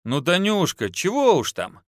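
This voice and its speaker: A man's voice: high voice, huge pitch swings, measured pace, dry recording, studio quality, pitched above the performer's own voice, heavily acted. A man voicing a boastful, easygoing young husband in an audiobook, talking in a folksy, placating way. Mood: coaxing. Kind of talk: audiobook narration.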